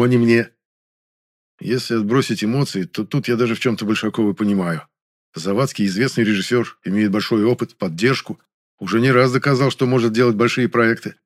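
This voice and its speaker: A man reading a first-person audiobook in a measured, even storytelling manner. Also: fairly low pitch. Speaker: audiobook narrator.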